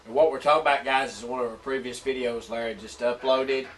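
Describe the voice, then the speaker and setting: A man, a paranormal investigator, gives excited ghost-hunt commentary and puts questions aloud inside an old building at night. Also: mid-range voice, fast talker. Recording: distant echoey room with faint hiss.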